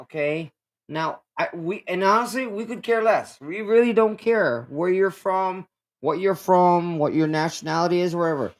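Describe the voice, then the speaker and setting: A man's voice: sits high, moderate pace. An older man, co-hosting a casual livestream chat, emphatic and blunt, often restarting and repeating his point. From Philippines. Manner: emphatic, repeats himself, blunt with mild swearing. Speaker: co-host.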